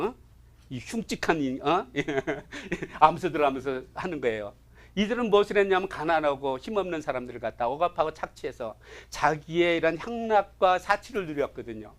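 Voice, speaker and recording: A man with a high, light voice lectures on scripture to a class. He keeps firing rhetorical questions at his listeners and nudges them along with quick interjections. His delivery is animated and swings between loud and soft. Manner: asks the audience rhetorical questions; prods listeners with short interjections. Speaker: Bible teacher.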